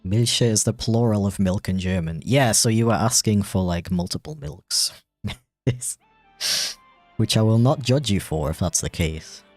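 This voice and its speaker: A man's voice: on the low side, lively intonation, measured pace, a little mellow, no room sound, faint music behind. A man streaming while he animates, chatting casually and rambling with a self-deprecating tone and lots of fillers. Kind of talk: casual livestream chat.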